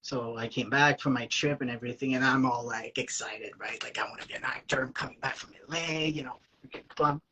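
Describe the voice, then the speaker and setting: A native French speaker with a French Canadian accent, this man is a guest and aspiring actor sharing personal stories in a relaxed chat. His medium-pitched, husky voice runs a little fast, and he's animated, acting out the lines he quotes and using lots of fillers. The recording is rough.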